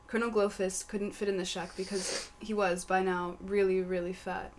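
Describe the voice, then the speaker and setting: A woman reading a comic fantasy story aloud in a matter-of-fact, deadpan way. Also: mid-range voice, moderate pace, slight background noise. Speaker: story reader.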